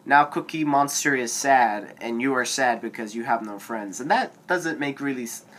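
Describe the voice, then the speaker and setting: A teenage boy vlogs casual advice into his phone camera in a medium-pitched, slightly bright voice at a moderate pace. He rambles and digresses with lots of fillers, and his voice cracks now and then.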